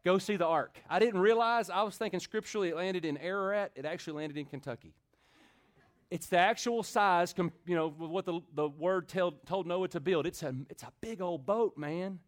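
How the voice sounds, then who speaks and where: A man preaching a sermon in rhythmic, repeating phrases, asking the church for amens and swinging from loud build-ups to quiet, intimate talk. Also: high voice, normal speed. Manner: rhythmic repetition with call-and-response asides. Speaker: pastor.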